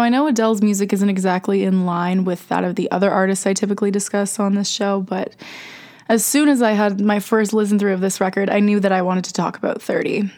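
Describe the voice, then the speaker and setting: A woman's voice: mid-range voice, a little mellow. Stuffy-nosed young woman radio host, sore throat. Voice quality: slightly congested, stuffed-up nasal sound. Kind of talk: scripted music commentary narration.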